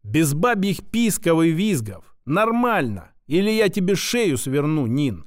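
A man's voice: on the high side, big pitch swings, a little slow. A man voicing a sarcastic, abrasive plump female scientist who mocks and lectures. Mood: scornful. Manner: mocking, name-calling, lecturing.

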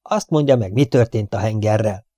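A man voicing a stern, irritable captain who demands answers gruffly in an audiobook. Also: on the low side, warm tone, no echo, studio quality, lightly acted.

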